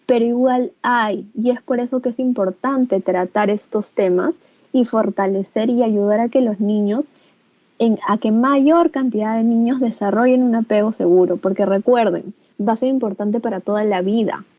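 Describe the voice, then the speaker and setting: A woman's voice: a little high, moderate pace, warm tone, no room sound, lo-fi sound. A woman with a Peruvian Spanish accent giving an online teacher training lecture. She explains patiently, often adds "¿no?" and acts out caregiver phrases in a livelier voice. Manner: explanatory, with frequent "¿no?" tag questions. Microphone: video call.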